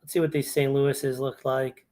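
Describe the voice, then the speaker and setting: Here a male fantasy sports analyst goes over fantasy hockey lineups on a relaxed screen-share, reasoning aloud and fixing his own mistakes as he goes. He speaks at normal speed with a medium-pitched, flat, somewhat dark voice.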